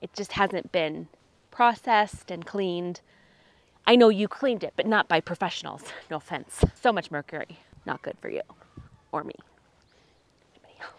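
A woman in her thirties performing a comic camping sketch outdoors with a lapel mic, chatty and dramatic, swinging from hushed asides to excited bursts. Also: mid-range voice, moderate pace, creaky, long pauses, dry recording. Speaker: comedy sketch host. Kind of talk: comedic sketch monologue to camera. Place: forest campsite outdoors.

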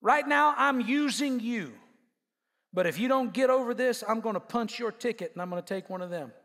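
A man voicing God as patient and gently stern, speaking low and calmly. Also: normal speed. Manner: low, calm, soothing, matter-of-fact. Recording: long hall reverb.

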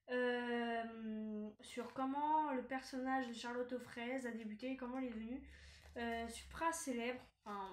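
Woman, high bright voice, chatty and halting, echoey room with a bit of hiss. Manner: chatty, hesitant, many fillers. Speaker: collector reviewing a doll magazine. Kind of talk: casual unboxing review. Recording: echoey room, faint noise.

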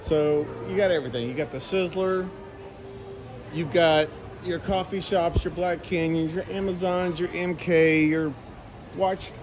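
A man's voice: on the high side, fairly even intonation, a little slow, background noise. A middle-aged man filming a casual travel vlog at arm's length, chatty and rambling, with frequent laughs and restarts. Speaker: travel vlogger. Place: outdoors in a village and inside a shopping mall. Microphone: handheld camera at arm's length.

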